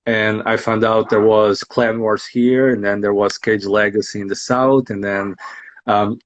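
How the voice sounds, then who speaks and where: Low-voiced man in his thirties, halting. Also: fairly even intonation. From Portugal. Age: 30s. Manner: halting, many restarts and ums. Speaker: podcast host and guest. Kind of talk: casual interview chat.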